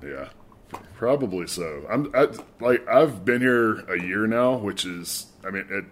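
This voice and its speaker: A man hosting a casual sports podcast, his nose stuffy and congested from a cold, talking in a halting, conversational way. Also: fairly low pitch, lively intonation, a little hiss or hum. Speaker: podcast host and sports writer.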